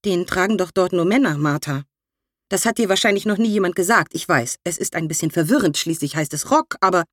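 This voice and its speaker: Anxious, polite niece in an audiobook, voiced by a woman narrator, fairly low and dry. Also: a little fast, dry recording, close to an everyday voice. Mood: baffled. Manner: hesitant, placating. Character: flustered young mother, polite and anxious.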